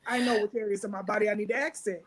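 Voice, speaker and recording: A woman's voice: medium pitch, fairly even intonation, rapid-fire, poor audio. A woman on a church panel discussion, talking frankly and matter-of-factly from her own experience. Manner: frank, matter-of-fact, speaks from personal experience.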